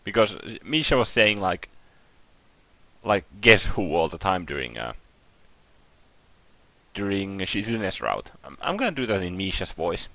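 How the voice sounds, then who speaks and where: Excitable, swearing young man playing a game. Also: low voice, a little slow, vocal fry, pauses often, no echo, poor audio. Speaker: let's play host. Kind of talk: casual gameplay commentary.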